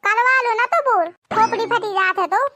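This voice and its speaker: Woman doing a squeaky sharp-tongued cartoon wife. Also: normal speed. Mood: scolding. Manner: scolding, boastful, rustic dialect. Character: lazy, sharp-tongued young village wife. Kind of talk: cartoon voice acting.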